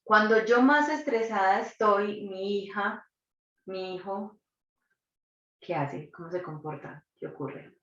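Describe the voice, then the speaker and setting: A woman's voice: mid-range voice, slow, a bit bright. A woman, a psychologist and doula, leading a live online workshop and asking the audience reflective questions. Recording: distant, dull, roomy recording.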